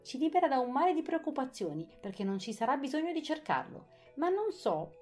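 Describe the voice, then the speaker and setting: A woman's voice: sits high, big pitch swings, fairly quick, darkish tone, soft background music, voice pushed up. A woman reading an audiobook, voicing a fussy, self-satisfied king. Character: fussy pompous King of Hearts, fictional storybook king.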